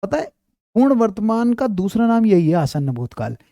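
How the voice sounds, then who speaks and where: A man teaching Hindi grammar in an online class, slowly repeating example sentences and speaking into a clip-on mic. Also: high-pitched, big pitch swings, warm tone, no echo, clean studio sound.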